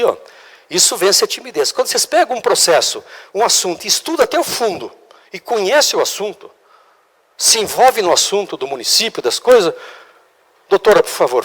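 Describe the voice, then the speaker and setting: Animated Brazilian man lecturing in a hall. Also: a little high. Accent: Brazilian Portuguese. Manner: emphatic, repeats and restarts words, asks the class questions. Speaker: law school oratory instructor. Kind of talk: classroom lecture. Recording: long reverb of a hall.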